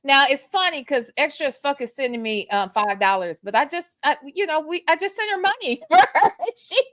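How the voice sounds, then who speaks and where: A woman hosting a casual livestream reads viewer comments and super chats aloud, laughing often. Her voice is high-pitched, sing-song, a bit bright and a little fast, recorded at studio quality with no room sound.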